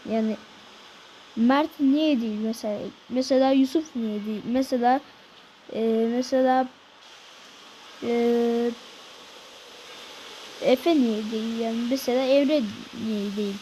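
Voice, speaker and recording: High-voiced woman scolding her game character. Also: a little slow, long pauses, low-quality recording. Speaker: gaming channel host. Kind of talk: casual gameplay commentary. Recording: loud background noise.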